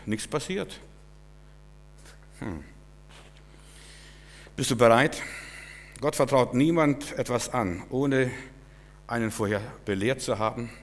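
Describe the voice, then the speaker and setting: A man preaching a sermon, swinging between loud exclamations and low, quiet asides. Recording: long hall reverb.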